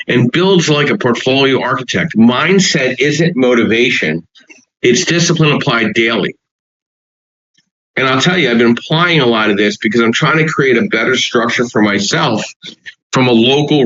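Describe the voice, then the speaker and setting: A man's voice: mid-range voice, fairly bright tone, lo-fi sound. A man hosting a real estate podcast, reading short punchy points and then chatting loosely with restarts. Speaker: podcast host. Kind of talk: podcast talk, partly read notes.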